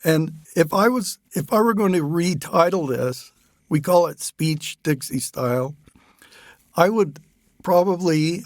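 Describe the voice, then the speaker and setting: This is a dry recording of an older man, a writer and podcast host, whose voice sits a little high. His relaxed, conversational interview style is warm and jokey, full of easy laughter and restarted phrases.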